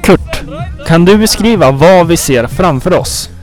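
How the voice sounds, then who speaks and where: A man's voice: a little high, expressive, soft background music. En man som leder och rapporterar skämtsamt, torrt och ironiskt, om ett spel. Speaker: host and mock reporter. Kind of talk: joking mock sports reporting over a game.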